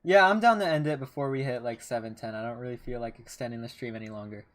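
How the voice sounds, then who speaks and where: A man hosting and commentating a gaming tournament stream in a relaxed, chatty way with many fillers. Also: mid-range voice, fast. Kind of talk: casual esports commentary.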